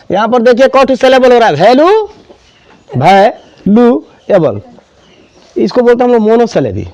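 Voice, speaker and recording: A man teaching a grammar lesson, explaining step by step and slowly repeating key words for students. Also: very high voice, darkish tone, no room sound.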